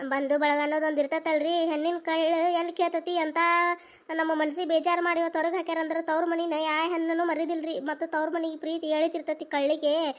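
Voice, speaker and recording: A woman voicing a hurt young married woman who pours out her grievances in a plaintive North Karnataka village voice. Her voice sits high and light throughout this homemade family drama. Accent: North Karnataka Kannada. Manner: complaining, plaintive village speech.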